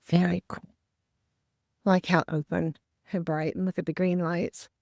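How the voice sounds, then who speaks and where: A woman's voice: fairly low pitch, level tone, measured pace, vocal fry, a little mellow, no echo, clean studio sound. A woman hosting a casual travel vlog, chatty and upbeat, talking straight to her viewers, with some scripted voice-over. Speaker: vlog host.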